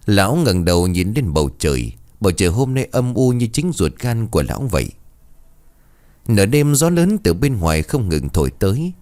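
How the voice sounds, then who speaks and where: A man tells a ghost story with expressive, dramatic delivery. His voice is deep and swings through a wide, lively pitch range. The recording is dry and close. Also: normal speed, no room sound.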